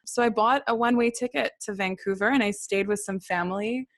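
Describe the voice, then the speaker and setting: Telling personal stories with casual candor, a singer-songwriter appears as an interview guest on a podcast. She was born in Australia and grew up in Israel and Brisbane, and her mid-range voice moves fairly quickly, recorded with no room sound.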